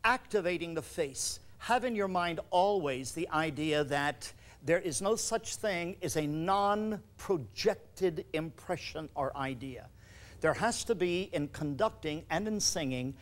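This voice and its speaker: A man leading a choral workshop, coaching singers with quick commands and questions. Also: on the high side. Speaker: choral conductor teaching a workshop. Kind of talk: instructional workshop talk.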